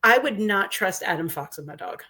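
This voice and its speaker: Woman chatting on a sports fan show, rapid fire questions, medium pitch, casual. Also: lively intonation, pushed and bright, husky.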